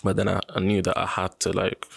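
Low, gravelly young man from Sudan. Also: monotone, a little fast, dry recording. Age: 20s. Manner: hesitant, many "um"s, laughs often. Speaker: guest. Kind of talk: casual interview.

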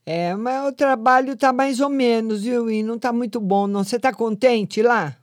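Older lady doing live readings for callers, warm and chatty, kinda high voice, dry sound. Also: moderate pace, dry recording. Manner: affectionate, calls callers "my lovely". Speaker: live show host giving readings to callers. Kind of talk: casual live call-in chat.

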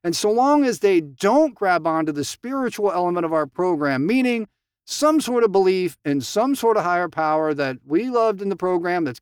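A man with a fairly high, smooth, resonant voice leads a recovery group through a reading and comments as he goes. He talks lively, voices the quoted lines, and keeps asking "right?" The sound is close and dry. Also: no echo.

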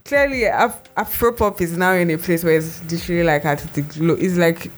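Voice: medium pitch, fairly quick, faint music behind. A podcast co-host, chatting casually and rambling with many fillers and restarts. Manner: rambling, heavy use of "like" and restarts.

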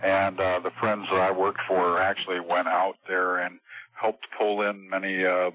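A man heard over the phone as a radio show guest, talking in a halting way with many fillers. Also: low voice, flat delivery. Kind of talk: call-in radio interview. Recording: tinny phone line.

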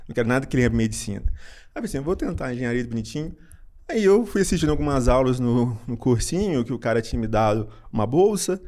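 A young Brazilian man talks through a personal story as a podcast guest, his voice sitting at an ordinary middle pitch. He gets animated, laughs often and circles back on his own phrases. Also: quick pace. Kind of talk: casual storytelling in an interview.

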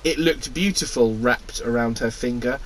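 A man's voice: mid-range voice, normal speed, slight background noise, rough recording. A man hosting a podcast, reading crude fan fiction aloud with giggly, exaggerated asides. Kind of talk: comic reading and banter.

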